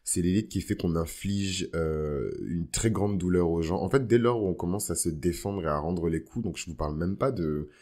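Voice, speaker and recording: A man's voice: sits low, normal speed, few pauses, darkish tone. A man hosting an astrology podcast as a casual, informal monologue, dropping bits of English slang into his talk. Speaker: podcast host.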